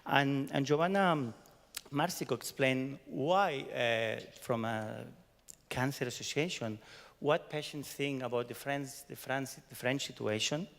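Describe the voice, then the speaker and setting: This Barcelona man, whose Spanish has a Catalan accent, talks at a measured pace in a mid-range, fairly bright voice with vocal fry. Summarizing a workshop for a conference audience, he keeps it conversational and tags his lines with "no?". Long reverb from the conference hall fills the recording.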